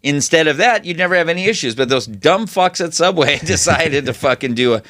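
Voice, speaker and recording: Profane, animated male podcast host. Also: a little high, fairly quick, dry recording. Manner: profane, animated storytelling with mocking put-on voices. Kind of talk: casual chat.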